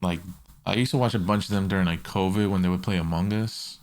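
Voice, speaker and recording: A young man with a very low, gravelly voice co-hosts a casual reaction podcast. He rants bluntly and swears freely in loose, offhand chat. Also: steady tone, quick pace. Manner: blunt, profane ranting. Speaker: podcast co-host.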